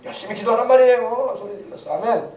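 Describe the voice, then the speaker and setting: Speaking fast and warmly, a high-voiced, middle-aged pastor delivers a folksy, joke-filled sermon, imitating grumbling elders along the way. His voice echoes through the church sanctuary and seems a little distant from the microphone.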